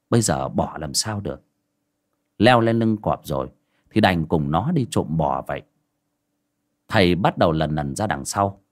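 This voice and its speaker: Expressive male audiobook storyteller. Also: mid-range voice.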